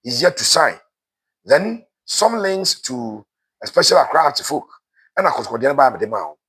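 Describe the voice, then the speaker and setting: A man's voice: on the high side, very animated, moderate pace, fairly bright tone, slightly rough. A man with a Ghanaian accent giving casual football transfer news, switching between Twi and English with frequent "eh" fillers. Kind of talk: casual sports news commentary.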